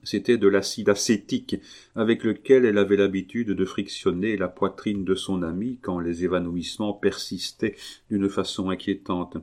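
A man narrating a classic novel aloud in a steady, expressive reading. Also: deep voice, normal speed. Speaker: audiobook narrator. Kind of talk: literary audiobook narration.

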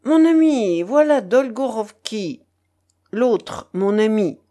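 A woman's voice: mid-range voice, sing-song, slow pace. A woman doing a boorish, mocking young lout. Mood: brusque mocking. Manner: brusque, loud, mangles French on purpose. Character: tall, boorish, cynical young man.

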